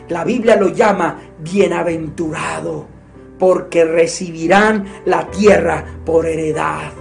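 An earnest preacher delivers a sermon with emphasis and asks the listeners questions along the way. The voice sits at a middle pitch, and a quiet instrumental piece plays softly underneath.

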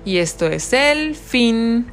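Reading aloud to children, a woman uses a fairly high-pitched voice, taking the story slowly and with expression. She warmly quizzes the young listeners about it as soft music plays behind her.

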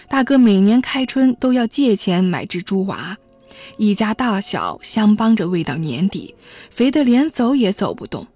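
A woman narrating a novel aloud in a steady storytelling manner. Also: mid-range voice. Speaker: audiobook reader.

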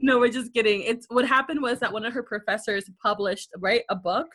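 A woman's voice: fairly high pitch, fairly even intonation, a little fast, fairly bright tone. A woman co-hosting a casual chat, upbeat and teasing. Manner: upbeat and teasing, laughs easily. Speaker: co-host.

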